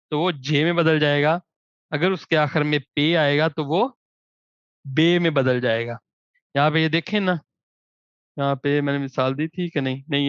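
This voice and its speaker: A man with a somewhat high voice teaches a grammar lesson and lingers on each example word before moving on. The recording is dry and close. It has a slightly dull, lo-fi tone. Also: a bit bright, clear, resonant tone, dry recording. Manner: slow, drawn-out example words between quick explanation. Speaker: language teacher. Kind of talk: explaining grammar with spoken examples.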